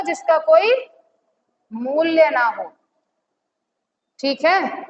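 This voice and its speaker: A woman teacher giving a lesson, asking questions and answering them herself, repeating key words slowly. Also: high voice. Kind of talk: classroom lesson. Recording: echoey, slightly dull audio with faint noise.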